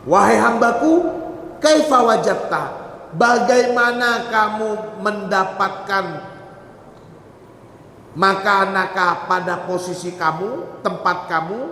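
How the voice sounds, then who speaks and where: A man's voice: high-pitched, takes it slowly, pauses often, sharp tone, slight background noise. A man teaching a religious text to students, reading out Arabic phrases and explaining each one in turn. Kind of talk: kitab study sermon. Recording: echoey hall with long reverb.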